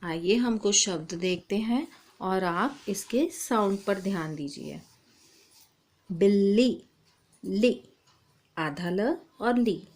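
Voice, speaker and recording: Woman, teacher, children's Hindi lesson, slow and patient, spells out each sound. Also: medium pitch, expressive.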